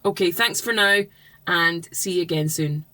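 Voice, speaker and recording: A woman with a fairly low voice, talking as a reading tutor. She explains her tips patiently and without rushing, in the plain manner of an instructional vlog. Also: sharp tone.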